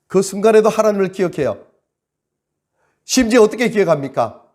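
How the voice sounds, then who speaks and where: A man's voice: high-pitched, expressive, brisk, a little mellow. A male pastor preaching a sermon, dramatic, acting out quoted prayers and stretching words for emphasis.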